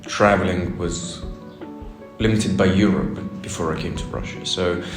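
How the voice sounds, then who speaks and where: Teacher, very low voice, hesitant interviewee, roomy echo. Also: male voice, fairly even intonation, measured pace. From East London. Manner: rambling, hesitant with frequent "uh". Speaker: English teacher. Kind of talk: casual interview answers. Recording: echoey room with music underneath.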